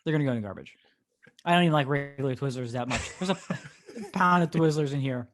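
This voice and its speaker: A man's voice: mid-range voice, lively intonation, quick pace, a bit bright. A man from the Pittsburgh area co-hosting a casual podcast over a remote call, exasperated and joking, laughing often. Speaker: podcast co-host.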